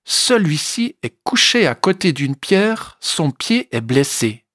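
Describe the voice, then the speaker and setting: A storyteller reading a children's animal story aloud in a slow, expressive way. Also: mid-range voice, no echo, clean studio sound. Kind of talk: scripted children's story narration.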